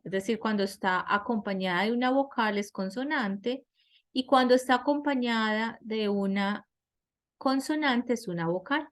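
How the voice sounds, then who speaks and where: A woman's voice: a little high, normal speed. A woman teaching English grammar in an online class, explaining step by step and often asking her students questions.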